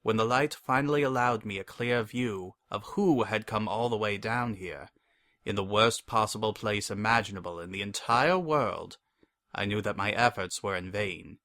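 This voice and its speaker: A man narrating a scripted story in a deliberate, hammy, theatrical manner, like a stage actor. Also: lowish voice, a bit bright, no echo.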